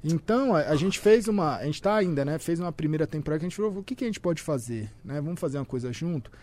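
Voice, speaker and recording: A man's voice: on the high side, animated, fast, darkish tone. A young man, chatting casually as a podcast guest in loose full of fillers. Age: young adult. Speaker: content creator, podcast guest. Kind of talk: casual chat.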